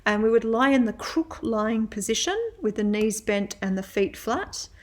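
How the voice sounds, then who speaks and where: A middle-aged woman, a physiotherapist and yoga teacher, giving a webinar lecture in a measured way with frequent pauses. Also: on the high side.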